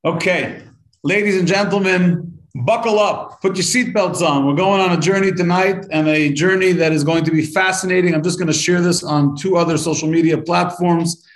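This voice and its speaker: A man's voice: sits high, moderate pace, reverberant, poor audio. A man teaching a live-streamed Torah lesson, chatty and upbeat as he greets viewers by name and then explains the text. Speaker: rabbi teaching a weekly Torah class.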